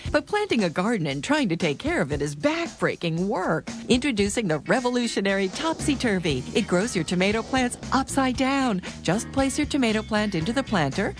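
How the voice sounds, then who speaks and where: A woman delivering an upbeat, emphatic infomercial sales pitch as an announcer. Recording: music bed behind voice.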